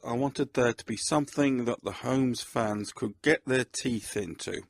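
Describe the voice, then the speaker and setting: With studio quality and no room sound, the recording captures a male author and host musing on his books. He has a medium-pitched, husky, gravelly voice and a deliberate, measured delivery.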